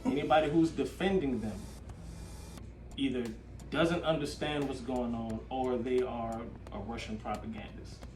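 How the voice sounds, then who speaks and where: A man's voice: mid-range voice, fairly even intonation, unhurried. A man hosting a casual podcast chat and giving plainspoken, blunt opinions. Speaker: podcast host. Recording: roomy, distant mic, music behind.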